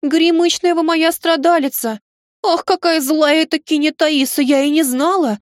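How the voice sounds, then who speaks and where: A woman's voice: high voice, steady tone, moderate pace, no echo, clean studio sound, pitched above the performer's own voice, lightly acted. A woman voicing a plump, eager young maid who gushes breathlessly and lives for love stories. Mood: gushing, eager. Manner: breathless, exclaiming, gasping. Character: eager gushing young maid, romance-hungry.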